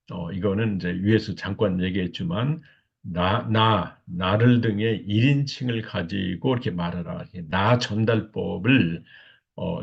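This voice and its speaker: Older male lecturer, gravelly and low, hesitant filler-laden delivery, muffled lo-fi sound. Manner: halting, many fillers, repeats "이렇게" constantly. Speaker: lecturer on marriage communication. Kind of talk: recorded lecture. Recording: dull lo-fi recording.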